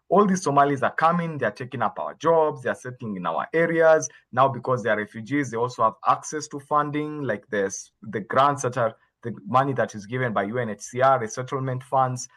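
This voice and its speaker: A man's voice: medium pitch, a bit bright. Man from Kenya giving a patient expert talk. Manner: patient, explanatory, repeats and restarts phrases. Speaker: guest expert. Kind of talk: explaining to a workshop audience.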